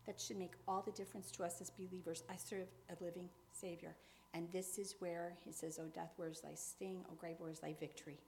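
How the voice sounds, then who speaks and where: A woman, a pastor's wife, speaking earnestly and conversationally to her congregation in an informal sermon mixed with personal testimony, often pausing on fillers and soft laughs. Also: lowish voice, flat delivery, creaky, slight background noise.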